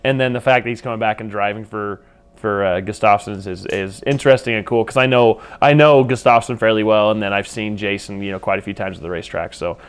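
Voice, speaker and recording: West coast host guy, smooth voice, into it, lots of "like". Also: fairly low pitch, steady tone, fast. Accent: American West Coast. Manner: enthusiastic, filler-heavy. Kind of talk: casual panel talk.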